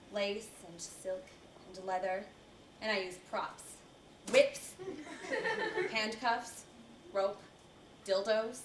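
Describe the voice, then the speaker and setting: A woman's voice: mid-range voice, fairly bright tone, a little hiss or hum. Young woman performing a frank, teasing ex-lawyer dominatrix. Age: young adult. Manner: frank, teasing, breaks into laughter. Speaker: student actor. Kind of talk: staged monologue performance. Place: college building stage before an audience. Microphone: distant camera mic. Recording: roomy, distant live-hall recording.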